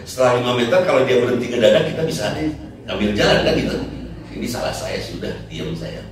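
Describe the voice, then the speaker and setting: Male preacher, comic storyteller, mid-pitched voice, roomy echoey hall. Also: very animated, quick pace. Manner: joking storyteller, rhetorical questions. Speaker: Islamic preacher. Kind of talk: humorous sermon to a congregation. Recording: echoey hall, distant mic, crowd. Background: audience laughter.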